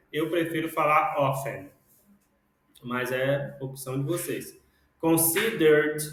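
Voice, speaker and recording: A male teacher leads a classroom lesson in a very echoey room. He talks slowly and patiently, saying words over and over so the students can copy them. His voice sits a little high for a man. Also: fairly bright tone. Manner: slow, repeats words to model pronunciation. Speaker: English teacher.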